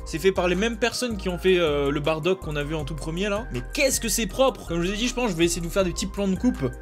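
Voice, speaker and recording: A young man with a notably high voice talks casually while unboxing, joking around and slipping into slang. He gets excitable and shouts out exclamations, and faint music plays behind him. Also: fast. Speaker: YouTuber.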